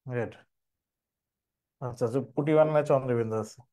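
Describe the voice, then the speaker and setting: A man's voice: medium pitch, a little fast, warm tone. A young man, teaching an exam preparation class and explaining step by step, repeating each question before answering it.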